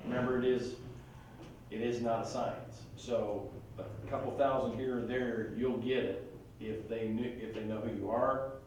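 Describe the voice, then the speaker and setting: Guy running a training class, chatty folksy stories, boomy echo, far from the mic. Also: steady tone, measured pace, a little mellow, slight background noise. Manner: folksy, conversational, tells anecdotes. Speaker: real estate trainer. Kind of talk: casual classroom training talk. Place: training room. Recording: echoey room, mic far off.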